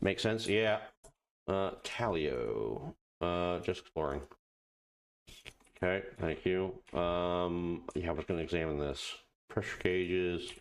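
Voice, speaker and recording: A man giving casual let's play commentary, muttering halting asides to himself and reading on-screen text aloud. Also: low-pitched, clear, resonant tone. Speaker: gaming video host.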